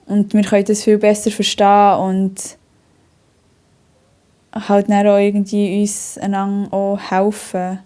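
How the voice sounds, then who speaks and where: A woman's voice: mid-range voice, completely flat delivery, unhurried, pauses often, dark tone. A young woman with a Bernese Swiss German accent, telling her own story in an interview, often breaking into hearty laughter and talking at length with many fillers and restarts.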